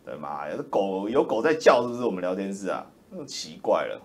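Man, political livestream commentator; loud, roaring, sneering, pitch leaping all over. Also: very animated, fairly quick. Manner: loud, roaring, mocking, insulting.

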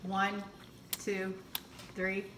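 A woman's voice: medium pitch, monotone, drawn-out words, a bit bright. A woman chatting casually as a mother with her family in a room at home. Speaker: mother behind the camera. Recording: hissy home phone recording with clicks.

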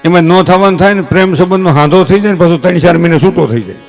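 A man with a Kathiawadi Gujarati accent, a stage comedian mixing folksy, animated stories with earnest advice. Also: high-pitched, very fast, creaky, soft background music. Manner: folksy, animated storytelling with gestures; earnest advising. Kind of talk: humorous stage talk with advice.

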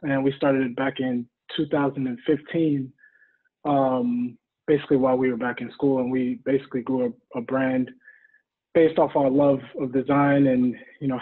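A young man talks about himself in a soft, husky, flat voice, his words measured and often trailing off. The audio is thin and phone-like, as over a webcam call from a room by a window. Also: medium pitch. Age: young adult. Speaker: panelist. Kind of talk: self-introduction on a video call. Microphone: video call webcam.

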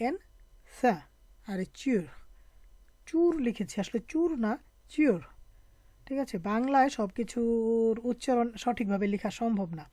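A woman teacher explains pronunciation slowly and patiently, spelling each sound out one by one. Her voice sits a little high yet sounds dark and mellow. It is recorded close and dry, with no room echo. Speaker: French teacher. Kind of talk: online language lesson.

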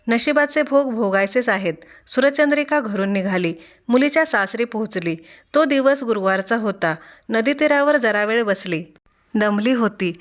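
A woman reading aloud a devotional folk tale in a measured, rhythmic storytelling style. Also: on the high side. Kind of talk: scripted folk tale narration.

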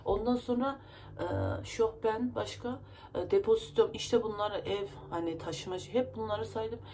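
A woman's voice: on the high side, fairly even intonation, normal speed, darkish tone, a little hiss or hum. A woman vlogger venting to her viewers in a rambling, emotional way, her nose stuffy from crying. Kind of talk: casual vlog talk to viewers.

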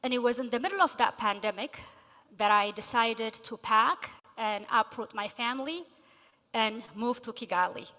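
Bright-voiced woman giving a hall speech. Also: on the high side, moderate pace. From Ethiopia. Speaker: guest speaker. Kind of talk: prepared speech read from notes. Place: large convention hall stage. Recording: long reverb of a big hall.

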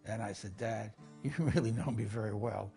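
An older man, a lawyer, telling stories from his career in a documentary interview, measured and reflective. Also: fairly low pitch, creaky, warm tone, soft background music. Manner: measured, reflective, acts out quoted voices. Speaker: interviewee, lawyer recalling cases.

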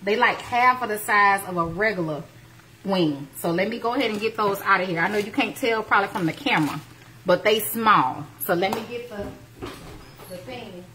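A woman in her thirties runs a live cooking stream from her home kitchen, bantering playfully with viewers and dropping in churchy exclamations. Her mid-range voice moves at a moderate pace and sounds pushed and bright. The phone camera picks her up close and from across the kitchen, so the audio is poor with slight background noise.

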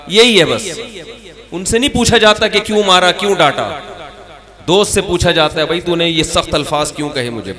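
A man preaching a sermon at a conference. He talks in a conversational way and acts out small dialogues and stories. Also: fairly high pitch. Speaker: Islamic preacher. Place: conference gathering with a crowd.

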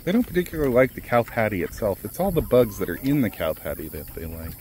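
A man's voice: on the low side, fast, a little hiss or hum. A man hosting a farm vlog, chatting casually and rambling with fillers while filming outdoors. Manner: relaxed, rambling, lots of fillers. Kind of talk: casual chat while doing chores. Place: outdoors on a ranch among chickens and cows.

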